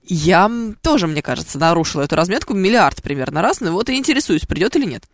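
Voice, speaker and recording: A woman's voice: fairly low pitch, sing-song, fast talker, no echo, clean studio sound. A woman hosting a live call-in radio show, chatting playfully and reading listener messages. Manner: chatty, playful, thinks aloud with fillers. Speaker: radio traffic show host. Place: radio studio. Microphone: studio microphone.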